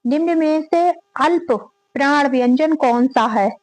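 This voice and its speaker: High-pitched woman teacher going over quiz answers, repeats the options, dry close sound. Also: unhurried, darkish tone, no room sound, low-quality recording. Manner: reads each question then lists and repeats the options aloud. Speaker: Hindi grammar teacher. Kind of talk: exam prep lesson, reading quiz questions and answers.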